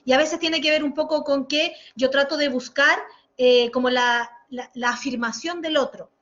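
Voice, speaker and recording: A woman with a Chilean accent leads an online communication workshop, pronouncing each sound with deliberate, exaggerated care. Her voice sits high and she stops to respond to comments from viewers. The lesson is captured through a computer mic in a muffled, lo-fi screen recording. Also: steady tone, fairly bright tone. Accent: Chilean Spanish. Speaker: workshop instructor.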